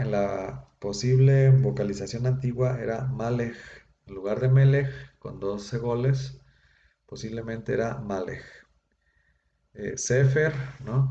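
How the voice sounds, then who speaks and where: Male Bible-institute teacher, low and mellow, patient explainer; echoey lo-fi classroom recording. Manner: patient, explanatory, frequent "eh" and "este" fillers. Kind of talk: classroom grammar lecture. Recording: roomy echo, dull lo-fi sound, faint noise.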